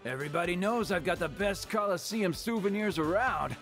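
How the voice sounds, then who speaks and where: A man's voice: sits high, expressive, a little fast, fairly bright tone, faint music behind. An actor playing a boastful souvenir merchant in a video game, with salesman patter.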